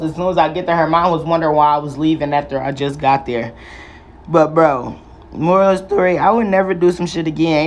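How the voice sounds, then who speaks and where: A young adult woman vlogging a casual, profane storytime, chatty and full of slang. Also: low-pitched. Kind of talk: casual storytime while doing hair.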